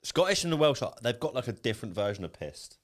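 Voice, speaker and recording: A man's voice: mid-range voice, very animated, quick pace. A man co-hosting a podcast, chiming in with crude jokes in casual banter. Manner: crude, jokey interjections. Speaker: podcast co-host.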